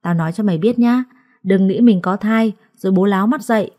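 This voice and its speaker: A woman voicing a sharp-tongued sister-in-law who mocks and scolds loudly, in a storybook reading, with a mellow voice. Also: mid-range voice, brisk, close to an everyday voice. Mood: contemptuous. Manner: loud, mocking, contemptuous.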